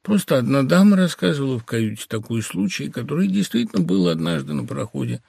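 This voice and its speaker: A weary, unhappy young wife speaks with quiet emotion, as a man reads her in an audiobook. The voice carries a gravelly texture. The sound is dry and close. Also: medium pitch, lively intonation, fast talker, dry recording, voice pushed up, exaggerated voice. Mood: composed.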